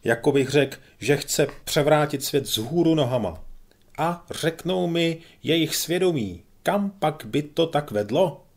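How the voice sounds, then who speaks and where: Fat, pompous, teary guard commander with a trembling voice that sits high and loud, read by a man. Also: expressive. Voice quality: voice trembles and twangs. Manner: pompous, mixes German words into speech.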